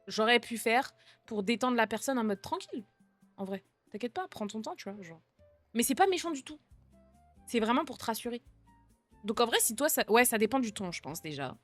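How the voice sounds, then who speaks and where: A woman's voice: fairly high pitch, expressive, moderate pace, pauses often, a bit bright, soft background music. A young woman, a streamer chatting casually and answering viewer messages with slang, jokes and reassurance.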